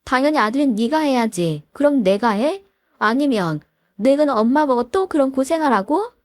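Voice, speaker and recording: A woman's voice: high voice, animated, moderate pace, dry recording. Woman doing a browbeating sister-in-law, pushy, barking, dry mic. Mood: yelling. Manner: shouting, browbeating. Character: loud aggressive adult sister-in-law, bullying.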